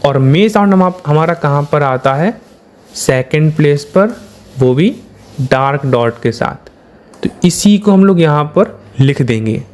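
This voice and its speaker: A shorthand teacher with an Indian accent and a fairly high, darkish voice explains his lesson step by step at a measured pace. He is expressive, asking his students questions and answering them himself with patient, repetitive classroom habits.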